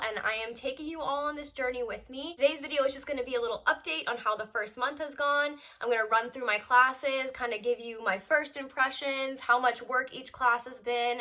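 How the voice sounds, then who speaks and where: A law student in her twenties chats casually in a vlog update, stuffy and congested from a cold. Her voice is a little high and sharp in tone, and she stays upbeat and chatty, dropping in small laughs and fillers.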